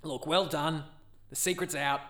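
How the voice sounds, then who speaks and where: A man's voice: fairly high pitch, steady tone, measured pace, pushed and bright, slight background noise. Man playing brazen, cheeky bloke. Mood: cheeky, breezy. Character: cheeky male bloke hiding inside cow costume. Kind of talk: comedy sketch acting.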